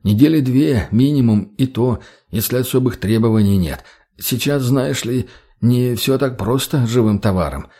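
A man voicing a fat, obsequious slave trader who fawns and placates in a raised, drawn-out voice. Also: animated, dark tone. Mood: fawning. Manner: wheedling, placating, higher and slower.

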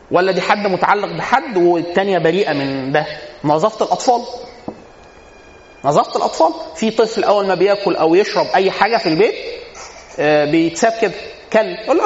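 A man with an Egyptian accent giving an informal religious lesson, telling humorous anecdotes and posing rhetorical questions that he answers himself. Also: sits high. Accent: Egyptian Arabic. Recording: echoey hall, dull lo-fi sound.

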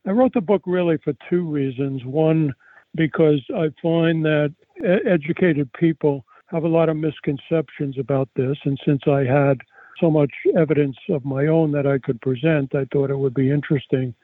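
Higher-voiced older man, muffled dry recording. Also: steady tone, moderate pace, no room sound. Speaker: psychiatrist and author, interview guest. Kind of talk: conversational interview answers with anecdotes.

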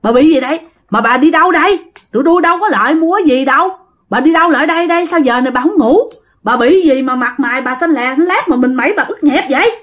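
A woman's voice: high voice, lively intonation, brisk, voice pushed up. A woman with a Southern Vietnamese accent voicing male bakers firing repeated questions. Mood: pressing.

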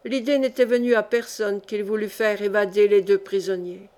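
A woman narrating a historical novel as an audiobook in a clear, even-paced reading. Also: medium pitch, moderate pace. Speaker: audiobook reader.

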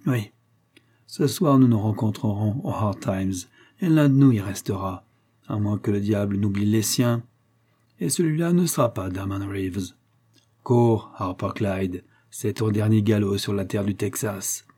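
A man's voice: lowish voice, measured pace, dark tone, slightly rough. A man reading the part of a cruel, threatening gunman villain in a Western story. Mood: sinister. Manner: sneering, threatening.

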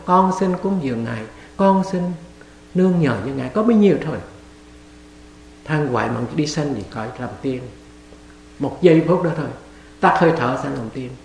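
A man's voice: a little high, gravelly, a little hiss or hum. A man, a monk, giving a dharma talk at a retreat, telling a story and acting out its characters in dialogue. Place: meditation hall. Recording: echoey hall.

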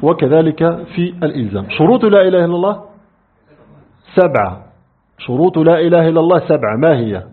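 A man's voice: on the high side, lively intonation, brisk, long pauses, breathy edge. A man teaching a classroom lesson on religious creed, who often quizzes his students by name and repeats key points for emphasis. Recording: thin phone-like lo-fi recording.

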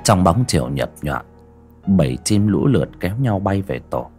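A man narrating a story for an audiobook site in an expressive, scripted reading. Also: low-pitched, normal speed. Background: faint music bed.

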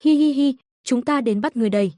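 A woman's voice: fast, warm tone, dry recording, clean studio sound, close to an everyday voice. Woman doing a giggling paper ghost bride. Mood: eerie. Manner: high giggling, sing-song and menacing. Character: giggling paper-doll ghost bride, female, eerie and playful.

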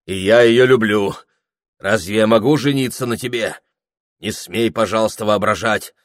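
A male reader voicing a feverish, frightened young man who cries out in high, strained bursts. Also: moderate pace, close to an everyday voice. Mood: indignant.

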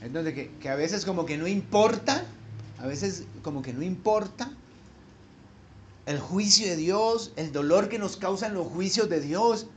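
A middle-aged man preaching from the pulpit with a notably high voice. He sinks to near-whispered asides and then surges to loud, emphatic peaks. He keeps turning to his listeners with quick questions. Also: expressive, a little hiss or hum. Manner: swings between hushed low asides and loud emphatic peaks; addresses listeners directly with rhetorical questions. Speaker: pastor. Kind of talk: sermon.

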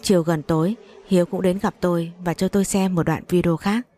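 Mellow-voiced woman narrating a story. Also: on the low side, fairly even intonation, fairly quick. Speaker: audiobook narrator. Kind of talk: scripted first-person story narration.

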